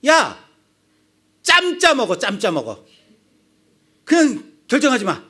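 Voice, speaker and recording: A man doing an exasperated shouting father. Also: very high voice, huge pitch swings, slow pace, slightly rough, pitched above the performer's own voice, exaggerated voice. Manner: shouting, scolding. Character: exasperated father scolding his indecisive son.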